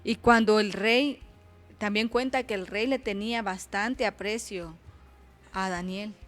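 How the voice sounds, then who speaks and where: A woman's voice: medium pitch, faint music behind. A woman preaching a sermon at an intercession program, reading Bible passages aloud and often asking "¿verdad?" as she goes. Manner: slow, repeats "¿verdad?", reads scripture louder and slower.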